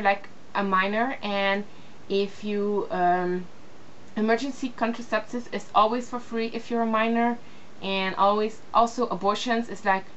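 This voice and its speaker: A young Belgian vlogger records a casual video response in English, which isn't her first language. Her middle-pitched, slightly bright voice comes through dull, lo-fi webcam audio with a faint hiss. She hesitates often, filling gaps with fillers and restarting sentences.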